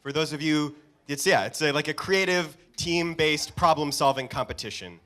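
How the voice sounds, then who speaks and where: A man's voice: a little high, moderate pace, fairly bright tone. A young adult man giving a joking wedding toast as best man, with wry asides. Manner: joking, wry asides, chuckles between lines. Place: live speech at a wedding reception.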